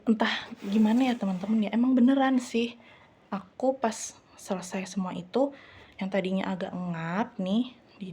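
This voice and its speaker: Woman vlogger, warm mellow tone, casual chatty storyteller with lots of hesitant fillers. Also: mid-range voice, slightly rough.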